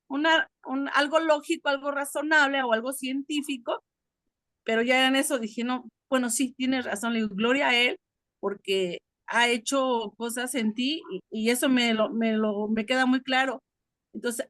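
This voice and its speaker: A woman sharing a personal faith anecdote in a church discussion, recounting conversations with animated quoting, over a video call. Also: on the high side, dry recording, studio quality. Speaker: discussion participant. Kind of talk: personal testimony in casual chat.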